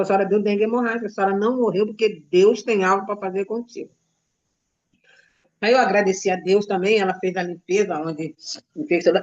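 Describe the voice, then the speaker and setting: A woman's voice: medium pitch, lo-fi sound. A woman from Brazil, a deaconess, telling a personal testimony to a church congregation, retelling conversations in an emotional storytelling way. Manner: emotional storytelling, quotes others' dialogue.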